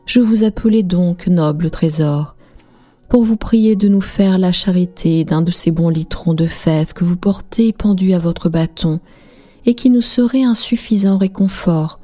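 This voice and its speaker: A woman's voice: lowish voice, unhurried, dark tone, soft background music. A woman voicing a sly, tearful mother goat in a storybook tale, pleading and wheedling.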